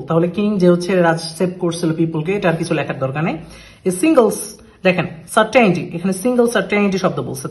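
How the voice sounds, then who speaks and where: A man teaching an IELTS reading lesson, talking through the steps in Bengali and reading the English phrases out slowly. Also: high-pitched, a little mellow. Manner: switches between Bengali and English terms, reads English phrases slowly. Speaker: IELTS tutor. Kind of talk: screen-share lesson walkthrough.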